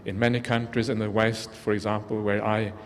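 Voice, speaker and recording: A man's voice: lowish voice, little pitch movement, a little fast. A Norwegian-born man, a Buddhist monk, giving an earnest, reflective dharma talk to an audience in a large hall. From Norway. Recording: long hall reverb, faint background noise.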